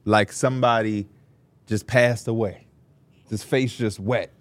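Animated man telling a funny podcast story. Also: measured pace, no echo. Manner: animated, jumps into high voices to quote people; slangy, laughs through his stories. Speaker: podcast co-host. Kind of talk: casual storytelling chat.

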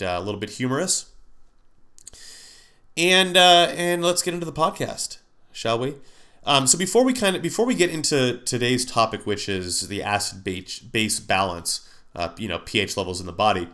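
The speaker is a man hosting a solo podcast, his voice fairly low in pitch and fairly bright. A sinus cold has made him nasal and congested, and he talks casually, rambling with lots of fillers and restarts.

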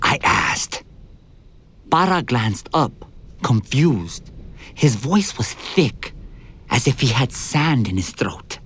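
A man narrating a dramatized audiobook in the first person, with vivid, expressive storytelling. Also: medium pitch, slow, pauses often, slightly rough. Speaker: narrator and lead actor.

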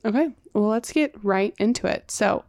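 A sleepy young woman talks through a casual podcast chat in a flat, rambling way. Her voice is mid-pitched and recorded dry and close. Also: moderate pace, dry recording. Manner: self-described monotone, rambling with fillers. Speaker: podcast co-host.

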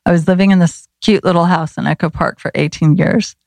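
Woman guest, gravelly edge, loose rambling chat, dry close sound. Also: lowish voice, steady tone, fairly quick, darkish tone, no echo. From Los Angeles. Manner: rambling, many fillers and restarts. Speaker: guest, flower remedy practitioner. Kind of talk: casual conversation.

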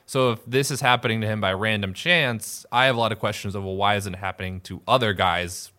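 Low, forceful man on a sports podcast. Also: brisk. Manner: chatty, working through questions aloud. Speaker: podcast co-host. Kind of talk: casual sports podcast discussion.

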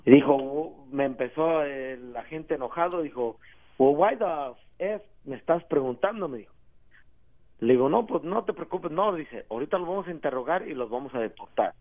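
A Mexican man calling into a radio show, telling a story in a slangy, animated way. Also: mid-range voice. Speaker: caller. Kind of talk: casual phone-in storytelling. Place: phone call into a radio show. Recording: tinny phone line.

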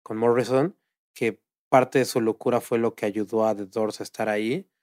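A man with a Mexican accent in casual podcast chat, animated and swearing freely. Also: medium pitch, normal speed, no echo, clean studio sound. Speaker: podcast co-host.

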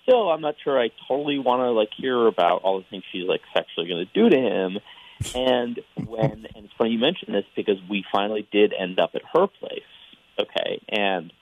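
A man's voice: fairly low pitch, a little fast. A man talking over a phone line on a radio show's speakerphone, hesitant and stumbling over his words as he explains himself. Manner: hesitant, stammering restarts. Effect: heard over a phone line on speakerphone. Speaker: radio call-in guest. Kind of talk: casual phone chat.

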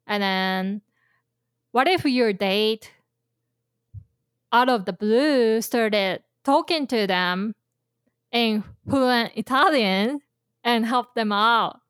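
Woman teaching japanese, casual chatty explaining, lots of "like" and "um", slightly high voice. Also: very slow, pauses often, fairly bright tone, clear, resonant tone, no room sound, clean studio sound. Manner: explains with imagined scenarios, many fillers. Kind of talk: casual language lesson chat.

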